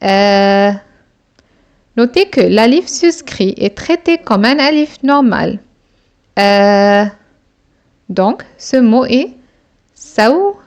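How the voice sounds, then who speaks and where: A woman teacher walks through a reading lesson at an extremely unhurried pace, breaking every word into separate syllables. Her voice sits a little high and stays careful and deliberate throughout. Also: lively intonation, a little mellow. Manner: slow, deliberate, sounding out each syllable.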